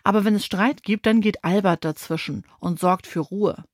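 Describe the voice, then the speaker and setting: A woman's voice: mid-range voice, normal speed, dry recording, studio quality, lightly acted. A woman voicing a proud, chatty hen who explains things in a matter-of-fact way, in a children's audio story. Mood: explaining.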